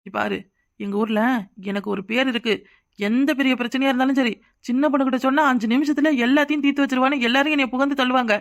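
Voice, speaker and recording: A woman's voice in a cartoon, slightly high and quick. She coaxes and consoles someone in a gentle, caring way. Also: steady tone. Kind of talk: cartoon voice acting.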